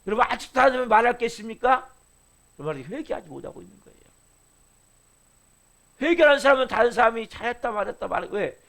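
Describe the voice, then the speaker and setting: A middle-aged man preaching with a high-set voice and a gravelly edge. He presses his congregation with question after question, and his voice climbs loud, then falls to hushed, low phrases. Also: expressive, quick pace, long pauses. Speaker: pastor. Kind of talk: sermon at a dawn service.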